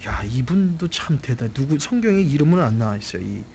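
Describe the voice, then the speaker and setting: A man preaching a sermon as a pastor in a church, telling a story in an animated way and often speaking directly to the congregation. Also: mid-range voice, fairly quick, gravelly, highs cut off, slight background noise. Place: church sanctuary.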